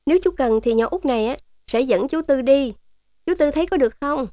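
A woman's voice: high-pitched, brisk, warm tone, no echo, pitched above the performer's own voice, natural voice. A woman voicing a sweet, wheedling young female guerrilla guide in a storybook. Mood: coaxing. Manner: wheedling, pleading.

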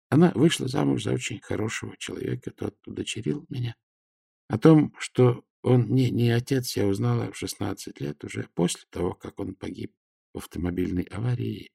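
A man voicing a gravely wounded young woman who speaks weakly but clearly, in a faint, halting way. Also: on the low side, warm tone, dry recording, studio quality, voice pushed up, heavily acted. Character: dying young woman, weak and tender.

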